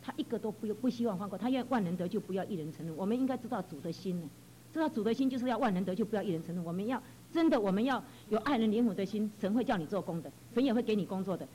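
A woman's voice: medium pitch, expressive, rapid-fire, mellow, a little hiss or hum, poor audio. A woman giving a fervent personal testimony, telling her story with frequent exclamations.

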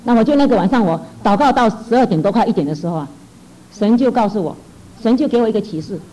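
Earnest woman giving a fast testimony. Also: mid-range voice, animated, mellow, low-quality recording. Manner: earnest, emotional storytelling with many restarts. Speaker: church worker giving testimony. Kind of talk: personal testimony.

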